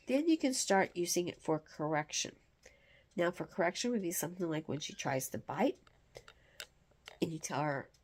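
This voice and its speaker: A middle-aged woman with a cold and a nasal, stuffy voice, explaining things casually and a bit tiredly to her camera at home. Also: lowish voice. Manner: rambling, plainspoken, tired. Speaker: vlogger. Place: at home indoors.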